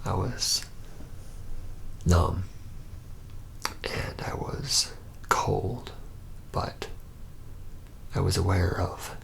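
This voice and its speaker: A male actor voices a young-adult vampire who reluctantly relates his history in a hushed, first-person ASMR roleplay. Fully in character, he sounds haunted, subdued and rueful, his very low, creaky voice slightly bright and slipping from gravelly murmurs into breathy whispers. He speaks haltingly, stopping partway through phrases.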